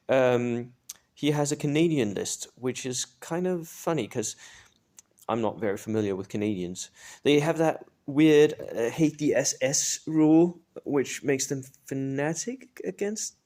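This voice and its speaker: A man's voice: medium pitch, dark tone. A man hosting a tabletop wargame tutorial, reviewing an army list in a chatty, casual way, often tagging "right?" onto his points. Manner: chatty, filler-heavy, often asks "right?".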